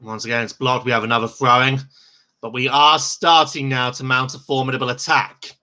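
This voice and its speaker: A man's voice: medium pitch, little pitch movement, brisk, pushed and bright. A man hosting a casual live football reaction, chatty and rambling, who laughs often. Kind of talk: casual live match commentary.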